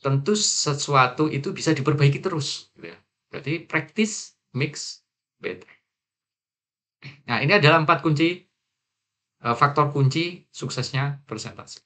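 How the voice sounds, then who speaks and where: A man's voice: a little high, moderate pace, pushed and bright. A man giving a conversational university lecture on presentation skills, asking rhetorical questions and mixing in English terms. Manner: conversational, frequent filler tags and rhetorical questions; mixes English terms into explanations.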